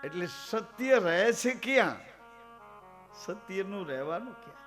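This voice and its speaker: A high-pitched man delivers a devotional sermon, telling a story and acting out the characters' calls. The live program recording has faint music behind him. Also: animated, measured pace, fairly bright tone. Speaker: preacher.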